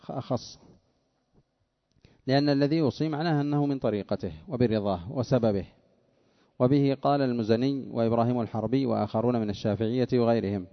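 A man's voice: medium pitch, highs cut off. Man teaching a classical text lesson. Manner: measured, drills students on grammar points. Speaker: Islamic scholar teaching a class.

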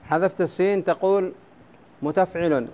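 A man with a high, warm voice speaks at a normal speed while teaching a class on Arabic prosody, walking through it step by step and quizzing his students. The classroom recording is dull and lo-fi.

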